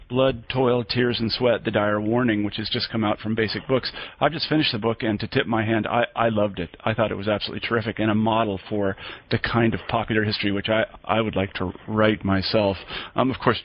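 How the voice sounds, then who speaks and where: A man's voice: on the low side, no room sound, lo-fi sound. A man hosting a radio interview, polite and hesitant, with many ums.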